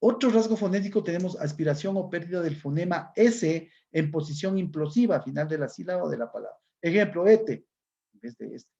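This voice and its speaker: A male teacher from Ecuador, speaking with an Ecuadorian accent in a fairly high but dark, mellow voice. He explains patiently and keeps checking in with his listeners. The recording is dull and muffled. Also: expressive, a little fast, gravelly. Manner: explanatory, often adds "¿no es cierto?". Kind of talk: recorded class lesson.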